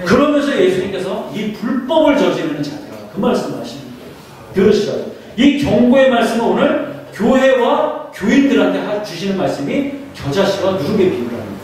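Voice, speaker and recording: A man's voice: high-pitched, big pitch swings, a little fast, darkish tone. A man preaching a sermon as pastor, often putting questions to the congregation. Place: church sanctuary. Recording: echoey church hall from far off.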